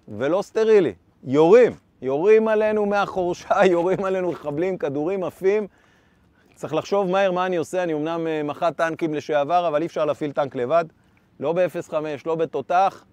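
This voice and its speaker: Fiftyish guy telling a war story fast and urgent, voice on the higher side, dry close sound. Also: no room sound. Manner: urgent storytelling, re-enacting shouted dialogue. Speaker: former tank brigade commander giving testimony. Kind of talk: first-person combat testimony.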